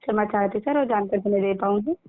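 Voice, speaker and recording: Heard through a tinny phone connection with faint noise, an Indian-accented woman handles customer care calls in a polite, formal, repetitive scripted manner. She has a mid-range voice, a quick pace, and no echo.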